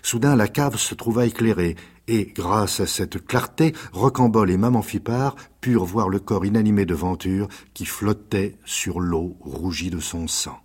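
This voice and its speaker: A man reading aloud a dark serial novel in a measured, dramatic storytelling voice. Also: fairly low pitch, slightly rough. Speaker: reader. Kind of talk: scripted dramatic narration.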